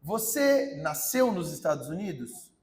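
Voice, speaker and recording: A man's voice: a little high, sing-song, unhurried, voice pushed down. Man putting on a curt female immigration officer. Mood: curt stern. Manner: dry, clipped, dismissive.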